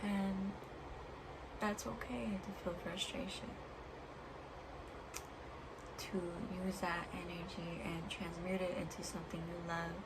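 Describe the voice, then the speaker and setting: A woman with a slightly low voice delivers a reflective personal monologue as a vlogger. She is earnest and halting, often pausing between short phrases. There is clear background noise in the recording. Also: flat delivery.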